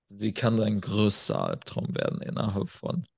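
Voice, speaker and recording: Self-assured male podcast guest with a gravelly edge, blunt opinions, anecdotes. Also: lowish voice, wildly swooping pitch, normal speed, a little mellow. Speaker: guest coach. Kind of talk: casual podcast chat.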